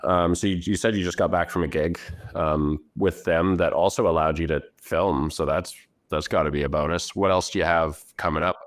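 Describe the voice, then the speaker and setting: A man's voice: low voice, steady tone, normal speed, no room sound. A man hosting a podcast, upbeat and enthusiastic while interviewing a guest. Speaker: podcast host.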